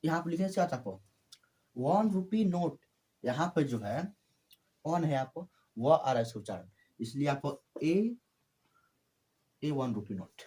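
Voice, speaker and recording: A man's voice: medium pitch, lively intonation, moderate pace, pauses often, darkish tone. A man giving a repetitive, friendly English grammar lesson as a tutor, often calling his viewers friends.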